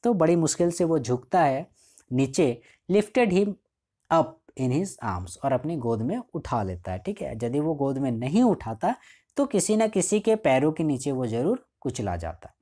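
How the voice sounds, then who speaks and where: A man teaching a school chapter line by line, his voice mellow and warm. He reads each English line slowly, then explains it casually and often checks in with his students. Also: on the high side, very animated. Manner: frequent checking fillers.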